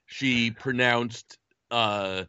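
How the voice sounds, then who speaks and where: A man's voice: medium pitch, steady tone, drawn-out words, sharp tone, clear, resonant tone, no room sound. A man co-hosting a podcast, joking around in casual chat with frequent stammering restarts. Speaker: podcast co-host and analyst. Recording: dull lo-fi remote line.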